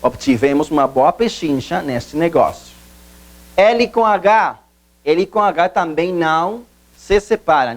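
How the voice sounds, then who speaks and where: A man giving a video language lesson, explaining slowly, repeating himself, and stressing key points. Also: fairly high pitch. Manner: slow, repetitive, emphatic teacher's explanations. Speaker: Portuguese teacher.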